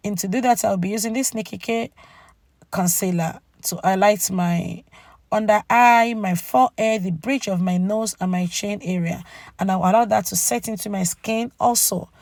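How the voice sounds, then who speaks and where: Woman with a cracking, creaky, cold-struck voice. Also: mid-range voice, moderate pace, darkish tone, no echo. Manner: chatty, addresses viewers directly with tag "okay?". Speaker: beauty channel host. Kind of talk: makeup tutorial voice-over, casual narration.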